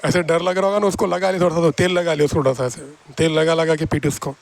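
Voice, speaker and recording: A man teaches a classroom math lesson in a noticeably high voice. He jokes and teases his students, coaxing them again and again to answer. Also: steady tone, quick pace, creaky, dry recording. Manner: teasing, joking with students; coaxing and repetitive.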